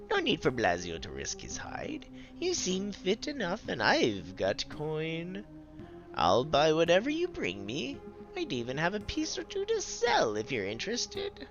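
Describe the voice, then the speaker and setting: A man voicing a greedy, cackling male scavenger who talks slowly and slyly about himself in the third person, in a game playthrough. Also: sits high, gravelly, fairly bright tone, highs cut off, voice pushed up, heavily acted. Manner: slow, sly, speaks of himself in third person.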